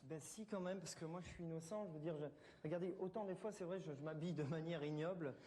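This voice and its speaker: A man's voice: a little high, fast talker, dark tone. A man acting in a comedy sketch, stammering nervous excuses.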